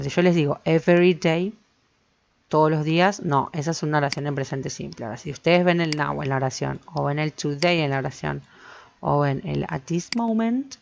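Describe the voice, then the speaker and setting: Spanish-speaking teacher lady explaining english grammar, patient, keeps checking in, low gravelly voice. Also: a little mellow. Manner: patient, repeats each step, asks "¿sí?" to check understanding. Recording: dull lo-fi with faint noise.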